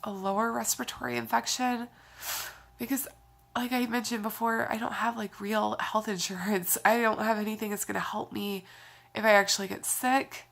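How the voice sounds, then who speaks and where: A woman's voice: on the high side, little pitch movement, normal speed, vocal fry, fairly bright tone. Scratchy-voiced young woman with a cold. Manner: rambling, sighing, with frequent fillers. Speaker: vlogger. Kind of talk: casual vlog talk.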